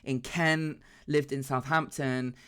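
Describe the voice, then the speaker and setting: Man, around forty, mid pitch, chatty, animated, swears casually, podcast host. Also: takes it slowly, clean tone. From south coast of England. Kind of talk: casual chat.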